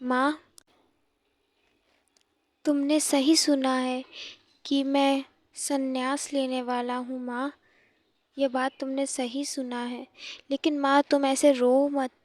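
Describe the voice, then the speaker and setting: A young male ascetic, gentle and tearful, speaking softly to comfort his mother, as a woman narrator acts him. The voice stays high and unhurried, close to the mic in a dry space. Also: little pitch movement, dry recording. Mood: consoling. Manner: soft, consoling.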